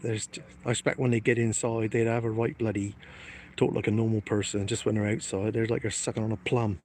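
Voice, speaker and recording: A man's voice: lowish voice, little pitch movement, a little fast, a little mellow, slight background noise. A man, live-streaming from his phone outdoors by the water, chatting casually with his viewers in a cheeky, joking, self-mocking way. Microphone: phone held in hand.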